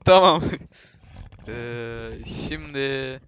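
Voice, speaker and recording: A man giving casual, self-mocking commentary while playing a game, talking to himself and his viewers and bursting into excited shouts. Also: mid-range voice, very slow, slight background noise. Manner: self-mocking, laughs often. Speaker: gameplay streamer.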